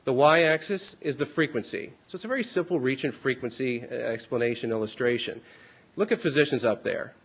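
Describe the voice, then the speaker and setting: A man with a hoarse, congested voice gives an informal, explanatory conference presentation, often posing rhetorical questions. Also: mid-range voice, fairly quick, dull audio. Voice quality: hoarse, congested from a sinus infection. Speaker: research company president presenting at a hearing. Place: hearing room with an audience.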